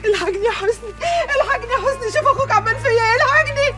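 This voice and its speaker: A woman's voice: very high voice, rapid-fire. An actress playing a wronged, desperate young woman with an Egyptian accent, given to wailing, pleading outbursts. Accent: Egyptian Arabic. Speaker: film actress. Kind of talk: film melodrama acting. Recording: music score behind. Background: film score music.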